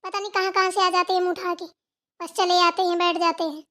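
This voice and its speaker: A woman voicing a rich, arrogant young daughter-in-law in a cartoon, talking in a sharp, mocking way. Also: extremely high pitch, flat delivery, quick pace. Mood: haughty. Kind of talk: cartoon voice acting.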